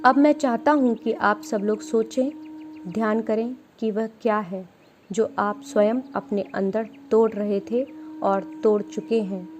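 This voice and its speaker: Slow, mellow woman audiobook reader. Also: medium pitch, steady tone, slight background noise. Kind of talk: scripted audiobook narration of a spiritual talk.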